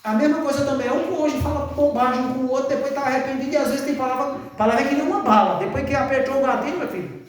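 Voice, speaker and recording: A man's voice: very high-pitched, fast. A man preaching a sermon in church, folksy and questioning, calling his listeners brother. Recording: very echoey church, mic far off.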